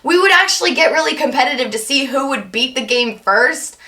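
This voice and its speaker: Bright young woman with a tired voice. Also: high voice, expressive. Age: young adult. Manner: rambling, self-deprecating, quick asides. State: tired, strained voice. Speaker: vlogger. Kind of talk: casual chat to camera.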